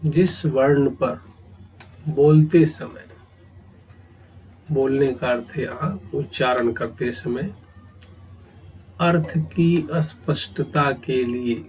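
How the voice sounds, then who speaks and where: A middle-aged man teaching grammar, speaking in short phrases with long pauses and repeating key terms. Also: medium pitch, a little hiss or hum, poor audio. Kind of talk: slow, deliberate grammar lesson.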